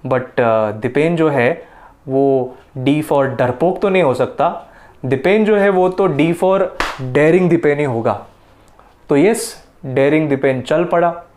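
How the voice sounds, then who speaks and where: A man, a motivational speaker, telling a personal story in a playful, dramatic way, with mock stammers and sudden leaps in pitch. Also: takes it slowly, a little mellow, slight background noise.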